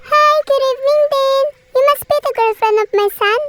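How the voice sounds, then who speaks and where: A woman voicing an excitable middle-aged mother who gushes over her son's girlfriend. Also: normal speed. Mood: gushing. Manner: high, bubbly, gushing.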